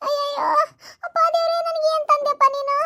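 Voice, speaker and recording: A woman with a North Karnataka Kannada accent voicing a dramatic old village mother-in-law who wails and shouts for help in a comedy skit. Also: level tone, fast, dry recording, studio quality. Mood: wailing. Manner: shrill crying wails and shouted calls for help.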